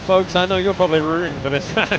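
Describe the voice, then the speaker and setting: A man's voice: high-pitched, quick pace, highs cut off. A man giving live fight commentary as the lead commentator. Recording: loud music and crowd noise.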